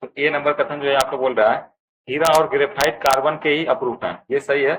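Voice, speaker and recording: A man with a Bihari Hindi accent walks through an exam answer key, calling his viewers friends and explaining each option one by one at a steady pace. His voice is medium-pitched and a little fast. The recording is rough, with a slight hiss or hum.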